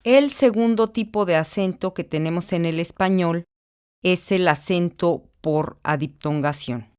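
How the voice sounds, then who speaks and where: A woman's voice: lowish voice, a little slow, darkish tone, clear, resonant tone. A woman with a Mexican accent, a university instructor giving a recorded lesson, patiently repeating words syllable by syllable. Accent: Mexican Spanish.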